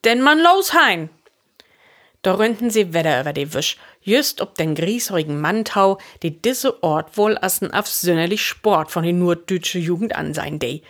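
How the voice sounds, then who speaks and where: A woman reading a story aloud, switching to high, excited voices for the boys' dialogue. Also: moderate pace, hardly any pauses. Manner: lively, shifts into high excited voices for the boys.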